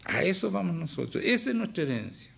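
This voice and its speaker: A man's voice: high-pitched, very animated, fast, gravelly, fairly bright tone, breathy edge. A man with a Chilean accent preaching a sermon as pastor, emphatic and often firing questions at the congregation. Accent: Chilean Spanish.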